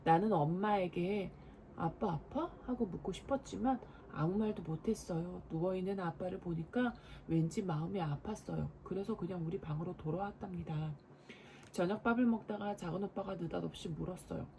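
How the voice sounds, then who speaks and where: A woman in her forties, a mother, reading a storybook aloud to her children at bedtime with lively expression. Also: lowish voice, brisk, vocal fry, a little hiss or hum. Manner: expressive, lively character voices. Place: home at bedtime.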